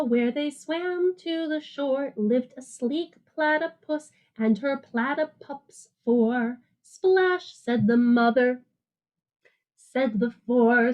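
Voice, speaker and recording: A high-voiced woman teacher reads a picture book aloud to children in an animated, sing-song way. She adds simple, casual explanations as she goes.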